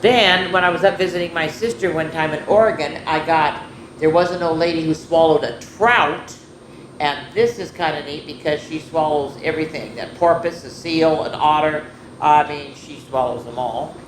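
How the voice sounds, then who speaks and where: In an echoey room where background noise is clearly audible, a woman hosts a casual story time for kids, reading picture books and showing things off. Her voice is low, her intonation fairly even, her pace moderate, and she chats playfully with rambling asides to viewers.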